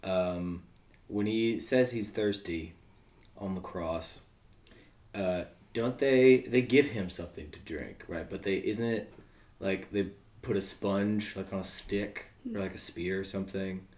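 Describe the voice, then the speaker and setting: Deep-voiced joking man, echoey room. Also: measured pace, darkish tone. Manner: curious, joking, casual. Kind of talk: casual devotional discussion.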